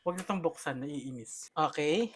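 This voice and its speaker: A woman's voice: low-pitched, lively intonation, moderate pace. A young woman vlogging an unboxing in a dramatic, gushing way, bantering with herself in playful slang. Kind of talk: casual unboxing vlog. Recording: noisy background.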